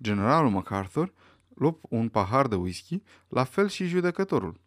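A man narrating a mystery novel aloud in an expressive, dramatic manner. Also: mid-range voice, dry recording, studio quality. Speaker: audiobook reader. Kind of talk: scripted narration.

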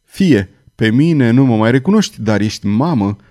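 A man's voice: medium pitch, expressive, a little mellow, close to an everyday voice. A man voicing a middle-aged cardinal, a desperate lover who pleads and cries out in despair. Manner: pleading, then crying out in despair.

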